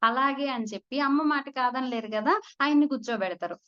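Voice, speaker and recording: A woman teaches spiritual lessons through old stories, chatting with listeners she calls friends. Her voice sits a little high. The recording sounds dull and muffled. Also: a little fast, fairly bright tone. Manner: conversational, addresses listeners as friends. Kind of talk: storytelling spiritual talk.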